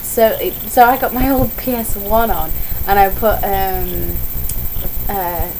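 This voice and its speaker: A young woman talks casually to her vlog viewers while feeling sick, her voice strained and close to giving out. She drifts between tangents in a chatty way, at an average pitch for a woman. The homemade recording has clearly audible noise behind her. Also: steady tone, takes it slowly. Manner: digressive, chatty, self-interrupting. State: ill, voice strained and starting to go. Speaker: vlogger. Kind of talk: casual rambling vlog chat. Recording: noisy home vlog recording.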